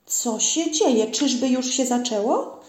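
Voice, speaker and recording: Excited young male forester for a kids' story, voiced by a woman, upbeat and high. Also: slow pace. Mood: alarmed. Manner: lively, excited. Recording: roomy echo.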